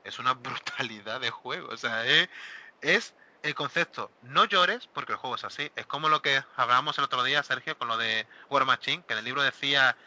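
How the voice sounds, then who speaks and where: A man hosting a casual hobby talk show, animated and exclaiming, often acting out what other players say. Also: mid-range voice, brisk. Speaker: host of a miniature wargaming talk show. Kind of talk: casual panel chat. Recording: dull lo-fi recording.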